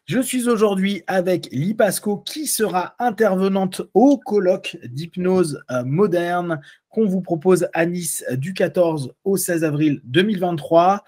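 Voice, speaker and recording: A man hosting an interview, who introduces his guest and closes with brisk, encouraging remarks. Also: high voice, darkish tone. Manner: brisk, encouraging, short acknowledgements. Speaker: interviewer and channel host. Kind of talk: presenting an interview.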